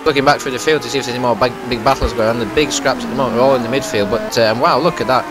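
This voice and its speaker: A man's voice: medium pitch, fairly even intonation, rapid-fire, heavy background noise. A man giving live motorsport race commentary.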